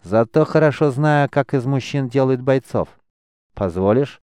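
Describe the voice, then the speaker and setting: A man doing an arrogant veteran warrior in an audiobook, taunting and swaggering with every line. The reading is smooth and dry, close to the mic. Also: mid-range voice, animated, measured pace, a little mellow, dry recording, pitched above the performer's own voice, natural voice. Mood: sly. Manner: mocking, swaggering. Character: mocking, arrogant veteran male warrior captain. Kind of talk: audiobook character voice.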